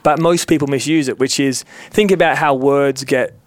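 A man's voice: medium pitch, steady tone, normal speed, dry recording. A man talking earnestly about self-love and kindness as a guest in a casual podcast chat. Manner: earnest motivational speaker.

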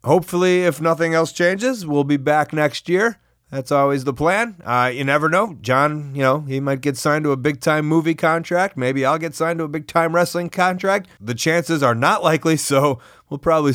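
A man hosting a podcast, closing the show with quick plugs and credits. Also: a little high, fairly bright tone, no room sound, studio quality. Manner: brisk, listing plugs and credits. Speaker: podcast host and wrestler. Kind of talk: scripted show outro with plugs.

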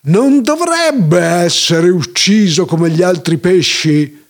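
A man's voice: high-pitched, animated, takes it slowly, exaggerated voice. A man voicing a dim-witted, earnest village sage who reasons in a puzzled way.

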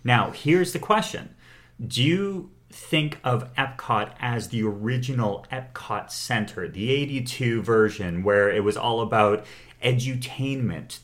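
Lower-voiced man hosting a casual chat. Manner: asks questions, relaxed and explanatory. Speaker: podcast host.

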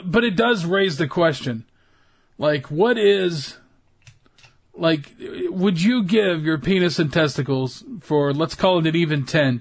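A man's voice: a little high, fairly bright tone. A man in his thirties co-hosting a podcast in casual chat, laid-back and joking crudely. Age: 30s. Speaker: podcast co-host.

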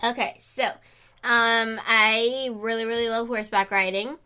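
A woman's voice: fairly high pitch, flat delivery, unhurried, pushed and bright, smooth. A young teenage girl co-hosting a casual podcast, chatty and rambling, with fillers and giggles. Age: teens. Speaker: podcast co-host. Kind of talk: casual chat.

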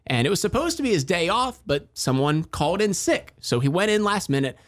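A man hosting a radio morning show, chatting in an animated way and laughing often. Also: high-pitched, brisk.

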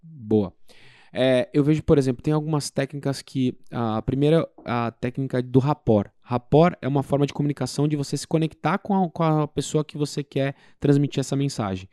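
A man's voice: medium pitch, brisk, mellow, dry recording, studio quality. A man explaining sales techniques in a casual conversation, with emphatic, practical examples. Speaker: business guest. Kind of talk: casual sales advice talk.

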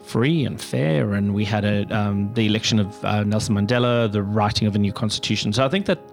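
A middle-aged South African man who runs a pride center as executive director answers interview questions thoughtfully, with many fillers and restarts. His fairly low, creaky voice moves briskly, and faint music plays behind him.

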